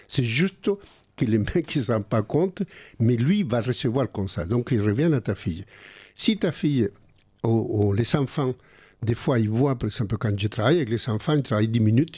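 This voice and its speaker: Older man with a strong accent, husky. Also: mid-range voice, darkish tone, no echo. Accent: non-native French accent. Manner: earnest, repeats words while searching for phrasing. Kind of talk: casual conversation.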